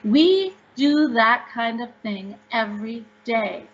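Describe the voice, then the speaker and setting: A woman's voice: fairly high pitch, expressive, slow. A woman author answering interview questions, upbeat and emphatic as she tells stories. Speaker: author guest. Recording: dull lo-fi audio.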